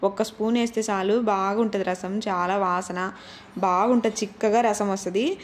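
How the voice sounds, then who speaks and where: A Rayalaseema-accented woman in her thirties tells her viewers about her household's day in an easy, homely way. Her voice sits at an ordinary middle pitch. It sounds like a relaxed, chatty vlog voice-over. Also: normal speed, a little hiss or hum. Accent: Rayalaseema Telugu. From Andhra Pradesh, India. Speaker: vlogger and mother. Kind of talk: casual narrated vlog voice-over.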